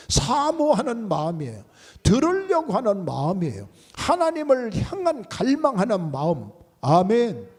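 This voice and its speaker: A man's voice: sits high, a little mellow, breathy edge. A male pastor preaching a sermon with emphasis, often repeating his key words. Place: large church sanctuary. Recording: long church reverb.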